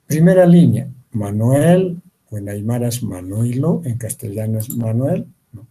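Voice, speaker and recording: A man teaching a language class over a video call, reading phrases slowly and having students repeat them. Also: mid-range voice, animated, dark tone, breathy edge, low-quality recording. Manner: slow, deliberate, spells out each word for students to repeat. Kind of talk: slow language lesson with repetition drills.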